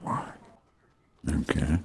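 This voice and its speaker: A man's voice: very slow, darkish tone, slight background noise. A man chatting casually and jokingly with friends while recording gameplay. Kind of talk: casual joking gaming banter.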